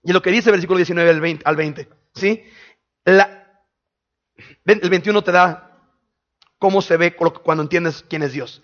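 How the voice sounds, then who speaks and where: A man preaching a sermon in a conversational way, firing quick questions at his listeners. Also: high voice, a bit bright, lo-fi sound. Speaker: pastor. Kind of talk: sermon teaching.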